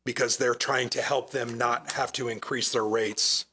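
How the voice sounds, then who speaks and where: A man serving as town manager, explaining matters earnestly at a council meeting, hoarse as he loses his voice. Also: mid-range voice, fairly even intonation, a little slow, bright, forceful tone. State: losing his voice. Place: council chamber.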